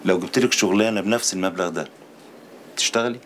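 An actor playing a persuasive gentleman who offers a poor girl a job, with an Egyptian accent. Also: low-pitched, quick pace, slight background noise. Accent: Egyptian Arabic. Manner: smooth, persuasive. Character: smooth-talking gentleman recruiting a poor girl.

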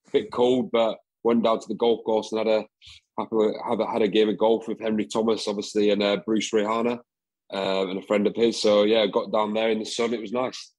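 A man's voice: fairly low pitch, fairly quick, low-quality recording. A young English man, a rugby player, chatting loosely as a podcast guest over a video call, with lots of fillers. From England. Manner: relaxed, rambling with fillers and laughs. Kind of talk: casual podcast interview. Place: home room, indoors. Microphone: headset on video call.

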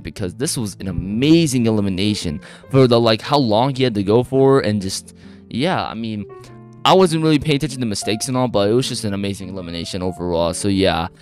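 A man hosting a beatbox reaction video, talking casually and rambling with fillers. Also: fairly low pitch. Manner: excitable, gushing exclamations, rambling with fillers.

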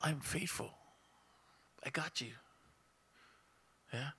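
This middle-aged pastor, whose English carries a Hawaiian Pidgin tinge, preaches conversationally while seated behind a stand mic in a small church room, asking his congregation questions. He speaks slowly in a voice on the high side, pushed and bright, with slight roughness.

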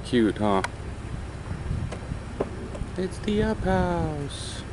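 A man's voice: fairly high pitch, very animated, drawn-out words. A man in his forties, a father chatting and joking to the camera on a family road trip, filmed at arm's length inside a car. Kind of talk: casual road-trip vlog. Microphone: camera held at arm's length. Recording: road noise behind.

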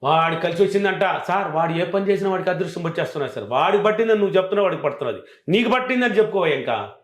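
A man's voice: high-pitched, expressive, very fast, roomy sound. A man teaching self-help affirmations, answering interview questions in a self-assured, emphatic and repetitive way.

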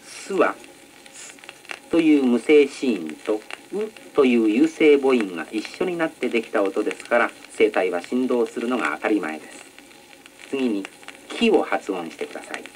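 Man lecturing with lively intonation. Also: medium pitch, low-quality recording. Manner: measured, explanatory, polite formal lecturing. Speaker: announcing instructor. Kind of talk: instructional lecture on announcing. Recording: old record with faint noise.

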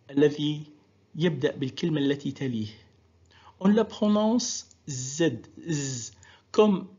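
A man's voice: mid-range voice, a little mellow, breathy edge. A man teaching a French lesson and switching into Arabic to explain, patiently repeating and drawing out example words for his students. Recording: dull lo-fi recording.

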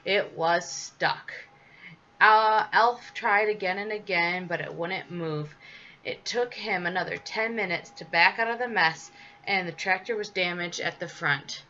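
Bright-voiced woman reading a children's story. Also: fairly low pitch, a little slow. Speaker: storybook reader. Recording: slightly dull with faint hiss.

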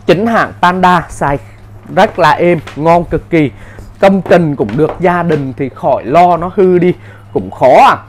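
A man giving an insistent hard-sell live sales pitch as a seller, in short, repetitive bursts. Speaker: live-sale seller of power tools.

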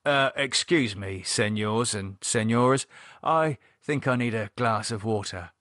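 A man's voice: fairly low pitch, a little slow, a bit bright, no echo. Hesitant, stammering young man at a party he dreads, read by a male narrator, dry and close. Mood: uneasy. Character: uneasy young man, reluctant guest.

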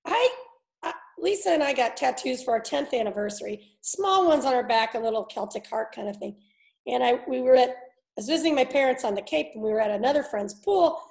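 High, gravelly woman in an echoey room. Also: expressive, a little mellow. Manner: chimes in with quips and quick laughs. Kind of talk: casual chat.

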